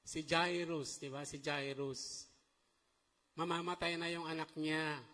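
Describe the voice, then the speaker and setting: A middle-aged man preaching in a church hall with a high, lifted voice. He keeps the delivery animated and turns to the congregation for responses. A long reverb trails behind every phrase. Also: a little slow. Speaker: pastor. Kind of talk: sermon.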